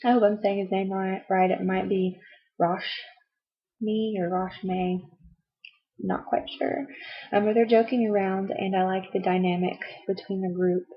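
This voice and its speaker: Young woman, casual book vlogger, husky flat delivery, muffled home-video sound. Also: mid-range voice, normal speed. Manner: chatty, rambling, frequent "um" and "like", laughs at herself. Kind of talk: casual book review chat.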